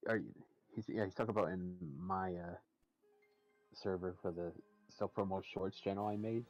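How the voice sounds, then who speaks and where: A man's voice: deep voice, fairly even intonation, moderate pace, a little mellow, dull audio, soft background music. A young man hosting a game stream, chatting casually and rambling with many fillers.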